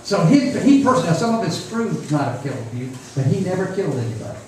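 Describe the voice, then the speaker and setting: A high-pitched man talks fast and with lots of animation, preaching informally to young people in a folksy, repetitive style. He's a preacher at a youth camp giving a casual sermon, captured in an echoey room on a distant mic with faint noise.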